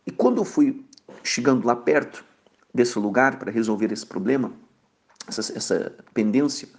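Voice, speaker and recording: A man, a pastor, telling a personal testimony in a sermon, earnest and conversational, often tagging his sentences with a questioning aside. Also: medium pitch. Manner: earnest storytelling with frequent "né?" asides.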